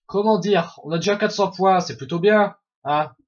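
A man giving excitable, profanity-laden commentary while playing an online game, often shouting at opponents. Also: sits high, moderate pace, dull audio. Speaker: gaming video host. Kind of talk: Let's Play commentary.

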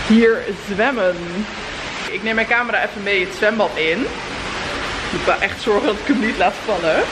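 This casual travel vlog features a woman in her twenties with a mid-range voice, chatting upbeat to a camera held at arm's length. There's background noise as she films outdoors, in hotel rooms and at a spa on holiday.

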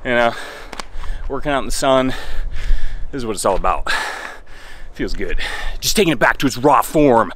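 With a little hiss or hum in the audio, a man in his thirties speaks at normal speed in an animated, slightly bright mid-range voice. He plays a relaxed, enthusiastic fitness coach explaining exercises in voice-over at an outdoor home gym by a garage.

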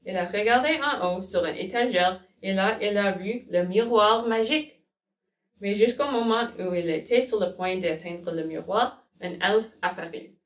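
Woman reading a children's story. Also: medium pitch. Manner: slow careful reading with self-corrections. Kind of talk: children's storybook read-aloud. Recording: roomy, from a distance.

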